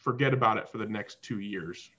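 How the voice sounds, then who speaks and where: A man hosting a casual video call chat, explaining things at length in a relaxed way from a room at home. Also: fairly low pitch, brisk, slight background noise. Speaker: host.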